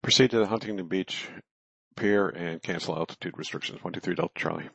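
Very deep male pilot on headset radio. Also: fast, vocal fry, fairly bright tone, breathy edge. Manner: clipped, standard aviation phraseology with readbacks. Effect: cockpit headset radio transmission. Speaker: private pilot. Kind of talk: radio calls to air traffic control. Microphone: headset microphone. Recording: dull, lo-fi, dry radio audio.

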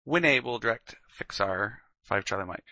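A man's voice: fairly low pitch, lively intonation, moderate pace, pushed and bright, no echo. A man working as a pilot, making procedural radio calls and readbacks.

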